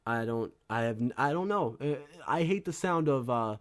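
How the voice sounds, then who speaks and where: A man's voice: mid-range voice, lively intonation, moderate pace, smooth. A young man hosting his own live music stream, chatting casually between songs in a rambling, profane, self-deprecating way. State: out of breath.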